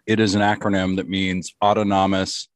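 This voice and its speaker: A man's voice: deep voice, level tone, normal speed, no room sound, studio quality. A man co-hosting a podcast in casual chat, explaining things in a rambling way full of fillers. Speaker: podcast co-host.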